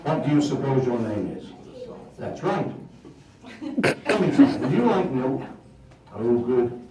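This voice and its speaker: Onstage in a hall, a man in the role of a cheerful, clumsy Christmas wizard does magic tricks for a live crowd, his mid-range voice swinging widely in pitch at a measured pace. He sounds theatrical, sing-song, and chuckling in a playful mood. The distant recording of the roomy hall is very noisy.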